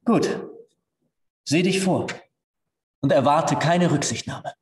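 A man's voice: on the high side, slow. A man voicing a blunt, weary army captain who grumbles in exasperation, read aloud in a story. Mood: stern. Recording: echoey hall.

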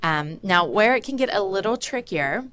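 A woman's voice: mid-range voice, lively intonation, moderate pace, fairly bright tone, clear, resonant tone, muffled recording. A woman presenting as a behavior analyst, explaining examples in a lecture and acting out children's voices now and then. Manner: explanatory, acts out examples in a playful voice. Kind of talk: conference talk.

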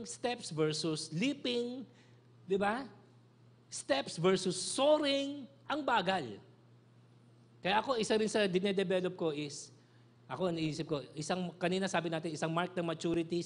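A middle-aged male pastor from the Philippines, preaching an animated sermon in a mix of Tagalog and English. He calls out for amens and drops to a soft, low voice on key phrases.

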